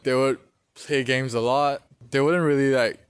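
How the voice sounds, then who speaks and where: A young university student from Myanmar, answering casually in a measured, slightly hesitant way. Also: male voice, mid-range voice, fairly even intonation, clear, resonant tone, no room sound, studio quality. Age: young adult.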